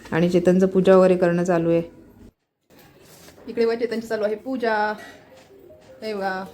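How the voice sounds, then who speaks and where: A woman's voice: medium pitch, level tone, normal speed, mellow, soft background music. A woman vlogging at home, chatting casually and pointing things out to her viewers. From Maharashtra. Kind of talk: casual home vlog narration.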